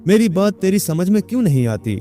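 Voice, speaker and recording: Figure: man playing an arrogant young man sure he is caliph, ordering people about, storybook tale. Mellow tone. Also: high-pitched, big pitch swings, faint music behind. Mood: commanding. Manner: commanding, indignant.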